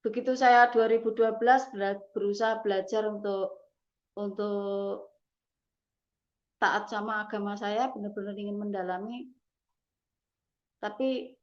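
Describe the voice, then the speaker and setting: A woman giving a personal testimony, speaking in a halting, emotional way. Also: mid-range voice, fairly even intonation, highs cut off. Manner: halting, emotional, frequent "gitu loh". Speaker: testimony giver.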